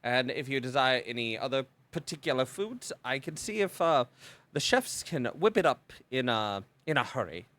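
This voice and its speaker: A man's voice: medium pitch, animated, normal speed, fairly bright tone, dry recording, close to an everyday voice. A man voicing a noble lord hosting a dinner, formal and eager to please, who fumbles and hesitates as he talks. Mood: gracious. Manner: stately but fumbling, hesitant fillers.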